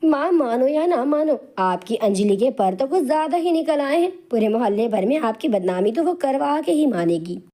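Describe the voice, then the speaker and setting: A woman voicing a spoiled, spiteful young daughter who whines and complains in an animated storybook. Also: sits high, moderate pace, few pauses. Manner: whiny, complaining.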